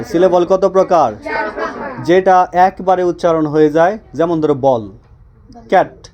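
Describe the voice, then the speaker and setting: A man teaching an English grammar lesson in class. He asks questions, answers them himself, repeats phrases slowly and drills his students. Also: high-pitched, darkish tone. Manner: drills students with call-and-response.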